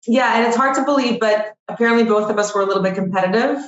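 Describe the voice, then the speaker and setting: Racing along with a voice on the high side, this Russian-born woman in her forties, whose first language is Russian, is a guest in a casual interview. The PR agency owner tells her story in a chatty, self-deprecating way; the room echoes and the highs are cut off.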